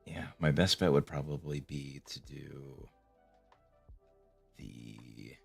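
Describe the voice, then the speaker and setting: A streamer with a very deep, slow, gravelly voice described as soothing gives casual gameplay commentary over faint music. He's low-key and mumbling, and swears when frustrated.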